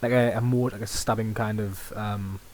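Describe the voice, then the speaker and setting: A man's voice: fairly low pitch, fairly even intonation, normal speed, a little mellow. A young man with a Sunderland accent, co-hosting a podcast, making dry, sweary, offhand remarks about ghosts. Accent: Sunderland (Mackem). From Sunderland, England. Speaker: podcast co-host. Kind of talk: casual chat about ghost stories. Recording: faint hiss.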